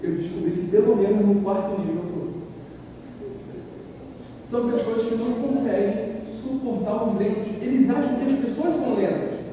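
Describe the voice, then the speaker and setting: Brief: animated male speaker, dark mellow tone, heard from far off in a reverberant hall. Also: high voice, slight background noise. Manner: animated, acts out quoted voices loudly. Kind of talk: talk to a live audience. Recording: echoey hall, far from the mic.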